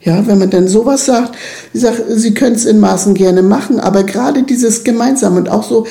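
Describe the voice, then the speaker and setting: A middle-aged woman with a gravelly, mellow voice speaks in an earnest, emphatic way. She is being interviewed about her work with children and keeps checking that her listener agrees. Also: on the high side, moderate pace. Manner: earnest, emphatic, often asks "ne?". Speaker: children's club leader. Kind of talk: interview conversation.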